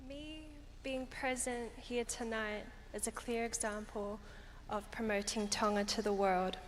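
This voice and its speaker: A young woman giving a deliberate, emphatic pageant answer on stage. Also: on the high side, fairly even intonation. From Australia. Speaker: pageant contestant. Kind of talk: prepared public answer on stage. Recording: long hall reverb, background noise.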